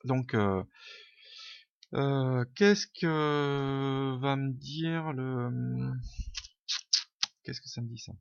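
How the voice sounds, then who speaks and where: Recorded dry on a dull lo-fi mic at home with no echo, a programming tutor narrates an unscripted screen-recorded coding lesson, musing aloud with many fillers and a relaxed, self-deprecating manner. His medium-pitched voice is gravelly yet clear and resonant, and he draws out words and pauses often.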